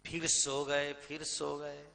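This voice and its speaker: Male preacher, slow storytelling sermon with chanted verses, gravelly voice, big reverberant hall. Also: on the high side, completely flat delivery. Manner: dramatic storyteller, slow and emphatic, swells loud when sung. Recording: reverberant hall, slightly distant.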